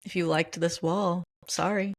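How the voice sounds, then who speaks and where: A young woman keeps a podcast chat on track with a dry, wry manner. Her voice is low and full of fry, sounding relaxed and offhand. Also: unhurried. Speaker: podcast co-host. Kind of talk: casual chat.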